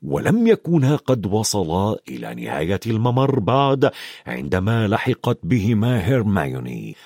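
A man narrating an audiobook dramatically, dropping to a hush for suspense. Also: lowish voice, wildly swooping pitch, moderate pace, vocal fry, no room sound, studio quality. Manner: dramatic, swings from loud to hushed.

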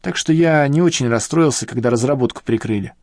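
For an audiobook, a man voices a grumbling, rueful elderly male professor, complaining and defensive, pitched higher than the reader's own voice. His delivery is brisk with a darkish tone that stays close to an everyday voice, captured in a dry recording with clean studio sound.

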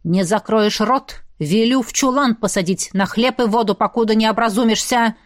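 A woman reading an audiobook voices a stern, bossy old man who heads a village, speaking gruffly and giving orders. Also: on the high side, normal speed, close to an everyday voice. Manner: gruff, commanding.

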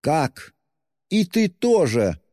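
A man's voice: a little high, very animated, very slow, warm tone, studio quality, voice pushed up, exaggerated voice. A man shrieking as a frantic, furious older woman. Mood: hysterical. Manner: screaming, hurling insults. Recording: long hall reverb.

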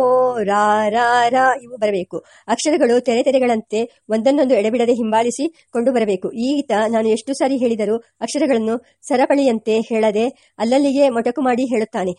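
A woman voicing a humble, gentle village violin teacher, a man who speaks politely and explains patiently. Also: on the high side, fairly quick, dry recording, close to an everyday voice. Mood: humble, explaining.

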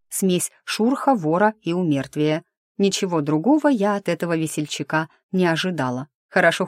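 A woman's voice: low-pitched, darkish tone, dry recording, clean studio sound. A woman narrating a fantasy novel in the first person, wry and lightly ironic. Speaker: audiobook narrator.

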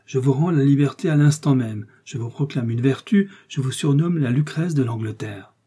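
In this audiobook, a smug aristocrat mocks and condescends in a dark, husky voice, as a male reader puts him on. He is raised a little above the reader's usual pitch. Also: moderate pace, natural voice. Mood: mocking. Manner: mocking, condescending. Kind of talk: audiobook reading.

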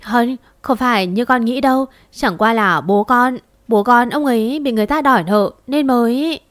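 A woman's voice: on the high side, moderate pace, no room sound, clean studio sound, close to an everyday voice. A woman voicing a frightened older mother who pleads in a quavering voice, in an audio story. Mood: stammering.

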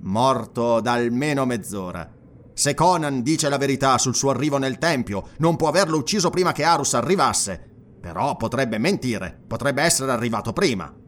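A man voicing a shrewd, calm male inquisitor who questions and reasons in a probing, measured way in an audiobook. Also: medium pitch, close to an everyday voice. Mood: musing.

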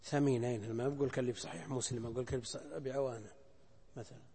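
An older man, a scholar, explaining a hadith text in a lecture. He speaks deliberately, repeating phrases and weighing options aloud. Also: medium pitch, steady tone, dark tone, husky. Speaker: Islamic scholar teaching hadith. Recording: lecture hall with long reverb.

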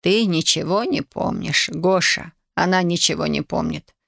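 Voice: mid-range voice, creaky, a bit bright, no room sound, studio quality, full character voice. A reader voicing a tearful, doting middle-aged mother who laments in an audiobook. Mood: pitying. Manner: lamenting, slow.

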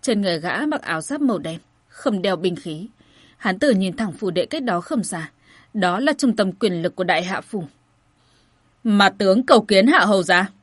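A woman narrating a fantasy novel as an audiobook in a steady, even storytelling voice. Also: on the low side, normal speed, no echo, clean studio sound.

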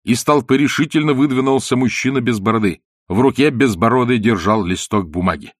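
A man giving an expressive, theatrical audiobook narration of a novel. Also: mid-range voice, fairly quick, dry recording, studio quality. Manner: animated, theatrical reading. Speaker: audiobook reader.

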